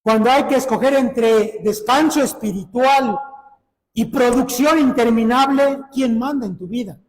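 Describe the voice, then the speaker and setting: A man preaches a sermon, earnestly putting direct questions to his listeners. His voice sits very high for a man. The recording carries the long reverb of a hall. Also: a little slow.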